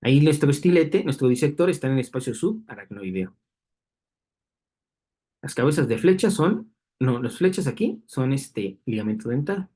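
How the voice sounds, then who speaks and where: A husky-voiced man lectures on anatomy at a middle pitch. He walks through diagrams step by step and keeps checking in with the class through tag questions. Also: animated, normal speed, warm tone.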